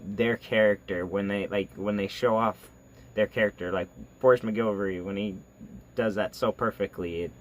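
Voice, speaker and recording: Low-voiced man rambling casually. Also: fairly even intonation, a little hiss or hum. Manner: rambling, halting, filler-heavy. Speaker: reaction video host. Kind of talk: casual chat.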